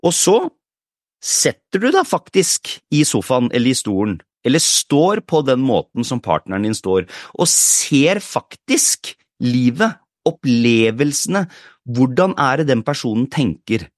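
A man's voice: medium pitch, sing-song, no echo. Guy on a podcast, keeps asking rhetorical questions, dry close sound, mid voice. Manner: explains with many rhetorical questions. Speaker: podcast co-host. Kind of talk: casual podcast chat.

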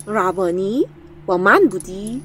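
A woman's voice: medium pitch, expressive, fairly bright tone, slight background noise, natural voice. Sadistic taunting woman captor in a horror audio drama, played by a woman, swooping voice, menacing. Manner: taunting, cackling laughs, menacing. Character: cruel mocking woman captor, sadistic, quick-tempered.

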